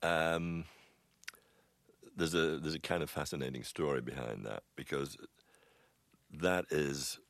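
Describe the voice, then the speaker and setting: Very deep, gravelly-voiced man telling stories. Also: fairly bright tone, no room sound. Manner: halting and full of restarts, chuckling through stories. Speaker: film composer and interview guest. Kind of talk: anecdotal interview chat.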